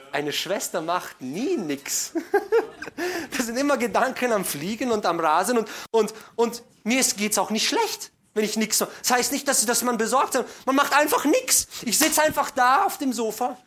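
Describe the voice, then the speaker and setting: A middle-aged man preaching a sermon to his congregation, folksy and joking, dropping to hushed asides and then building to loud, emphatic passages. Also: very high voice, expressive, normal speed. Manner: folksy, joking, addresses listeners directly.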